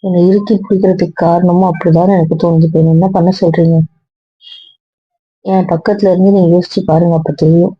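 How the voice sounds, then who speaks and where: A woman's voice: fairly low pitch, little pitch movement, brisk, husky, no echo, lo-fi sound. A woman playing a hurt, reproachful young woman. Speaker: young wife or girlfriend. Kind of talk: Tamil audio drama acting.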